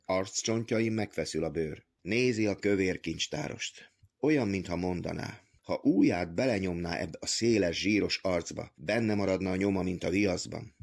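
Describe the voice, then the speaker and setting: Low-voiced man narrating a novel. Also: gravelly. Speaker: audiobook reader. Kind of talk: literary audiobook narration.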